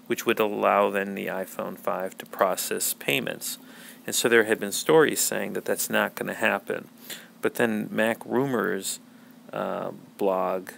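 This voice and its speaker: A man's voice: on the low side, creaky, a bit bright, a little hiss or hum. A man hosting a podcast, talking through tech news in a casual, rambling way with many fillers and restarts. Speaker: podcast host.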